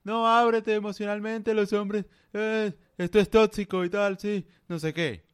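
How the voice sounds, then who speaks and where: A man's voice: high voice, fairly even intonation, a little slow, clean tone, dry recording, studio quality, pitched above the performer's own voice. A man putting on a mocking voice of a woman who nags men to open up emotionally, in a dismissive sing-song.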